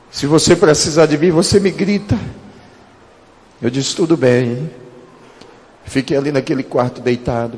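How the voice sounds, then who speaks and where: A man's voice: mid-range voice, a little mellow, big-room sound. A man, a pastor telling a personal testimony earnestly and calling his listeners beloved.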